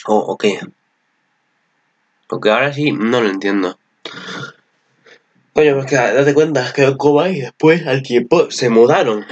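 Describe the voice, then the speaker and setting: A man's voice: mid-range voice, a little slow, pauses often, highs cut off. A man with a Spanish accent from Spain giving casual, rambling reaction commentary on an anime, swearing often.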